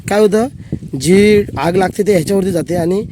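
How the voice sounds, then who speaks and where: A man's voice: sits high, a little fast, mellow, slight background noise. A young man with a Konkani Marathi accent, hosting a casual vlog outdoors on a rural plateau, chatting and bossing his friends around. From Konkan, Maharashtra. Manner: chatty, bossy, gives instructions to friends. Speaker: vlogger host. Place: outdoors on a rural plateau under a banyan tree.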